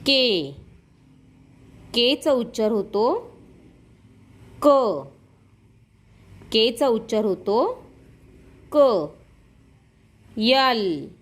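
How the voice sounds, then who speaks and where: A woman with a Marathi accent teaching a phonics lesson at an extremely slow pace. She has a fairly high voice. She says each letter sound twice, clearly and deliberately. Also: fairly bright tone.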